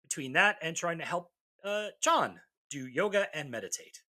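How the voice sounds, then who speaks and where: This is a man co-hosting a podcast in relaxed chat. His voice is bright and his pitch moves a lot, and he slips in dry, sarcastic asides while talking. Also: normal speed. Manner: wry, joking, lots of fillers and restarts. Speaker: podcast co-host. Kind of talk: casual chat.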